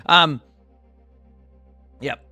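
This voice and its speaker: Speaking extremely slowly over background music, a male gamer chats casually with his stream audience through a headset mic. His talk wanders, full of fillers and false starts.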